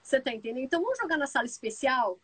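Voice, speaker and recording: A woman with a Brazilian Portuguese accent hosting a live stream, telling stories fast and full of asides. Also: sits high, slightly rough, no echo, poor audio. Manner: lively storyteller, talks fast with many asides. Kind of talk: casual live chat.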